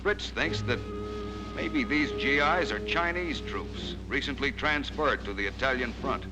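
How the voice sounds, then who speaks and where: A mid-range male voice, animated and unhurried, gives declamatory, solemn and emphatic narration styled after a 1940s wartime newsreel. It has the effect of old newsreel narration and is heard over a loud music score.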